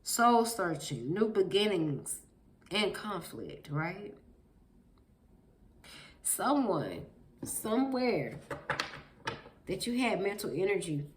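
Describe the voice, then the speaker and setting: A woman's voice: mid-range voice, sing-song, slow, pauses often, background noise. A woman with a stuffy nose from a cold, giving an emphatic, preachy tarot reading straight to her viewers. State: congested from a cold, sniffling. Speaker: tarot reader.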